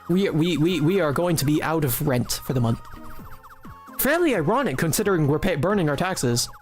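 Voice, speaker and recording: A streamer with a medium-pitched voice gives casual live commentary while making a game. Giggly and rambling, they often restart sentences and joke with chat in a mock-serious way.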